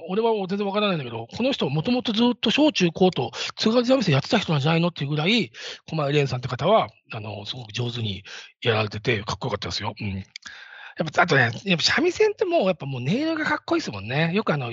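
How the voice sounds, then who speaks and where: A husky-voiced man in his fifties rambles through a casual solo talk, pitched a little high and swinging up and down with lively energy. He is self-deprecating and moves along fast. The recording sounds dull and dry. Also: dry recording. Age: 50s.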